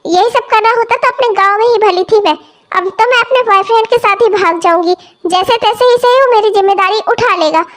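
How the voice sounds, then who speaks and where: A woman's voice: very high voice, a little fast. Woman doing a harsh scolding stepmother. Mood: defiant. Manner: sharp, scolding, quarrelsome. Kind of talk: cartoon voice acting.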